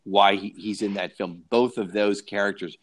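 A man's voice: fairly low pitch, steady tone, moderate pace. Rambling man in casual film chat. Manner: rambling, full of restarts and repeated words. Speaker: podcast co-host.

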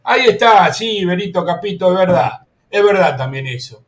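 A high-voiced Argentine man hosts a sports radio show with wild swings in energy. He mocks rival fans, laughs a lot, and calls out to the control room between rants. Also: normal speed. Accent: Argentine Spanish. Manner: animated, mocking, laughs often; gives orders to the control room. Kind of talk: excited sports talk.

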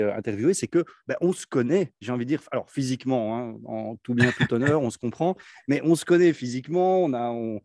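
A man's voice: medium pitch, warm tone, no room sound, studio quality. A man hosting a podcast interview, chatty and rambling, with lots of fillers and restarts. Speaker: podcast host. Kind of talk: podcast interview with scripted intro.

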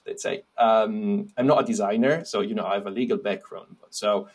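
A man from Italy with an Italian accent, speaking as a podcast guest in a relaxed interview, with frequent restarts and fillers. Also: lowish voice, breathy edge. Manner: halting, with many restarts and fillers. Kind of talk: casual interview chat.

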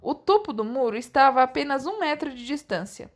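A woman's voice: sits high, lively intonation, a little fast. Giggly woman reading aloud. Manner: giggly, playful narration. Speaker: reader of a children's book aloud. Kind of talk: casual read-aloud narration with banter.

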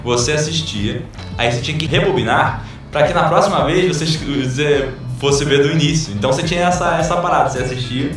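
A man's voice: fairly high pitch, a little fast. A man with a Brazilian Portuguese accent chatting casually with friends as a podcast co-host, joking and slangy. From Rio de Janeiro, Brazil. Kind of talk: casual chat among friends. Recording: roomy echo with music underneath.

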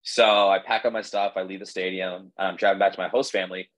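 Man in his twenties, low voice, casual rambling storytelling, lots of "like" fillers. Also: flat delivery, fast, a bit bright, rough recording. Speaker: podcast guest, baseball pitcher.

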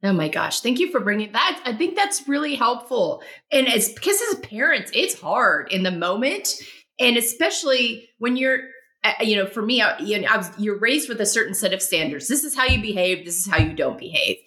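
A woman hosting an interview, answering with quick affirmations and asking long, rambling questions full of restarts. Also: fairly high pitch, animated, bright, forceful tone. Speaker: host. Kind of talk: interview chat.

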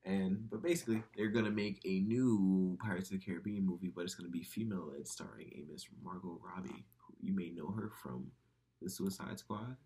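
A man with a low, husky voice chats about movies on a casual podcast. He rambles, packs his talk with "like" and "you know", and swears freely. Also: brisk, warm tone. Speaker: podcast co-host.

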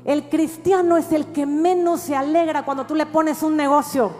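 A middle-aged woman pastor with a Mexican accent, telling a testimony in a sermon with animated storytelling that rises at times to shouts. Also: high voice, moderate pace. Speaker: pastor and prophet. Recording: reverberant hall with faint music.

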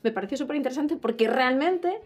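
A woman hosting a casual interview chat, lively and quick to laugh and exclaim. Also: high voice. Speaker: host.

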